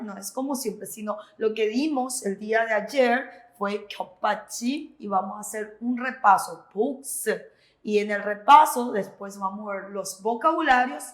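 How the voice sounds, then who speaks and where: A woman's voice: on the high side, echoey room. A woman teaching a Korean language lesson in Spanish, explaining step by step in a reassuring way. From Paraguay. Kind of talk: classroom explanation.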